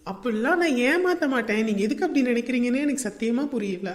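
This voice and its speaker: Woman doing a high soft-voiced daughter, gentle, reassuring, roomy echoey sound w long tail. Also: animated, fast, natural voice. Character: young grown daughter home visiting, reassuring and sulky. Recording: echoey room with long reverb.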